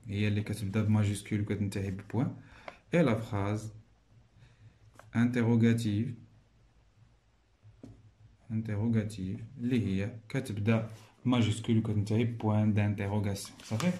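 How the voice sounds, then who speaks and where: A man's voice: fairly low pitch, warm tone, a little hiss or hum. A man teaching a primary school French grammar lesson with a Moroccan accent. He explains each point in French, then repeats it in Moroccan Arabic.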